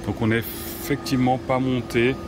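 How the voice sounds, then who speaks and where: A man, a teacher vlogging outdoors at a zoo in a slow, hesitant way with many pauses. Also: medium pitch, level tone, noisy background. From Switzerland. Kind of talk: casual vlog narration.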